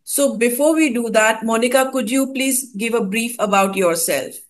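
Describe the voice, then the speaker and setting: An Indian woman hosts a conversation, casually recounting a meditative, spiritual experience. Her voice is a little high and moderately paced, and she hesitates often, with many fillers and restarts.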